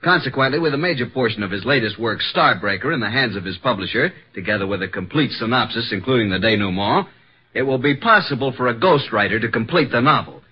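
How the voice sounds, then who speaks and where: Husky, brash sidekick Archie Goodwin. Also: male voice, medium pitch, animated, fast talker. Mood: agitated, indignant. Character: brash, earnest male detective's assistant. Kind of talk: 1950s radio detective drama acting. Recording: dull old radio recording.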